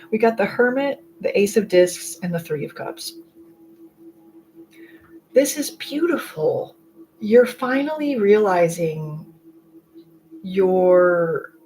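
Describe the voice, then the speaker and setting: Woman, tarot reader, mid-pitched, heartfelt and repetitive, light background noise. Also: a little mellow, poor audio. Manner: heartfelt, repetitive, emotional encouragement. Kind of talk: live tarot reading to viewers.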